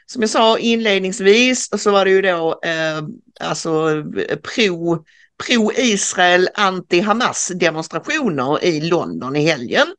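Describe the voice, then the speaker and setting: A woman's voice: on the low side, lively intonation, a bit bright. A woman co-hosting a casual news commentary podcast, recounting events with frequent hesitations and fillers. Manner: hesitant, many filler sounds. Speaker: podcast co-host.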